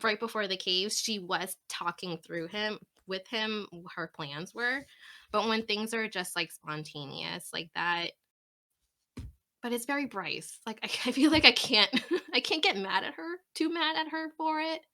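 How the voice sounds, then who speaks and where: A woman with a mid-pitched, bright voice co-hosts a book discussion podcast. She rambles and hesitates, laughing often. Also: measured pace. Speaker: podcast co-host. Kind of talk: casual book discussion chat.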